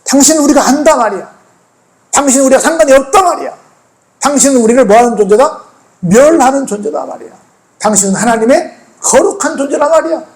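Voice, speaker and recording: A man's voice: extremely high pitch, expressive, fast talker, pitched above the performer's own voice. A man voicing unclean spirits speaking defiantly through a possessed man, insistent and taunting, during a sermon.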